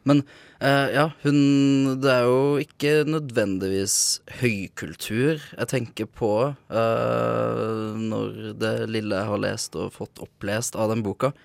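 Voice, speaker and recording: A man's voice: medium pitch, fairly even intonation, vocal fry, few pauses, no room sound. A man talking as a radio studio guest, hesitant and thoughtful. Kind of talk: casual radio chat.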